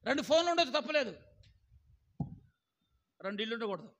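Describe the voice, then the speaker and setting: Male pastor, high bright voice, sermon full of questions to the congregation. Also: big pitch swings, a little fast, highs cut off. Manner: calls on the congregation to answer aloud; keeps asking "ఏమండి?".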